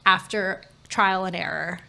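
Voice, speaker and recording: A woman's voice: fairly low pitch, a little slow, creaky. A young woman co-hosting a podcast, chatting casually and telling stories expressively. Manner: expressive, animated storytelling. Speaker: podcast co-host. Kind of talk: casual chat.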